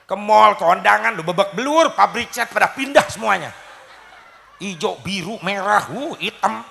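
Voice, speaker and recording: A man's voice: high voice, animated, moderate pace, vocal fry, pushed and bright, slight background noise. A man, preaching a comic sermon to a crowd and acting out husbands and wives in jokey skits. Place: outdoor community stage.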